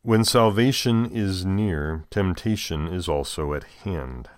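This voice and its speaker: Hosting scripture readings, an American deacon with a deep voice offers casual commentary worded with deliberate care. The recording is dry, with no echo.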